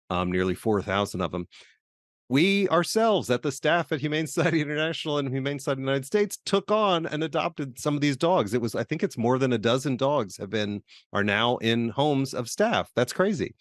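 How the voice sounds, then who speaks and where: A man co-hosting a casual podcast chat, relaxed and chatty, often laughing. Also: medium pitch, no echo, studio quality. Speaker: podcast co-host.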